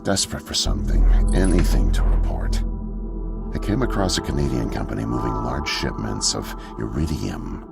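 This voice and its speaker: An actor playing a weak, weary old janitor who is secretly a spy, speaking slowly and low in a video game. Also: male voice, expressive, gravelly, heavily acted. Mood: recounting. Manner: slow, low confessional delivery. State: weak and thirsty. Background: game music.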